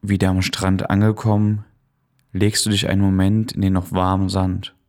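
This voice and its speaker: Man, low voice, very steady pitch, soft soothing delivery, guided dream journey narration. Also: moderate pace. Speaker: host and guide of a relaxation podcast.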